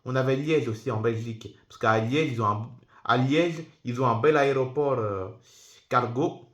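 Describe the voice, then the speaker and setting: A man's voice: medium pitch, moderate pace, fairly bright tone, voice pushed down, lightly acted. A man voicing a company director who talks with a put-on Ukrainian accent, easygoing and rambling, full of fillers, in a toy-figure film. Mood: explaining. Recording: roomy echo.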